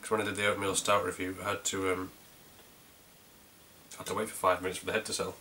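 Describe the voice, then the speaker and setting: A man's voice: sits low, level tone, quick pace, heavy background noise. A man chatting casually through a home beer review, talking as he pours and tastes. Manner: chatty, talks while pouring and tasting.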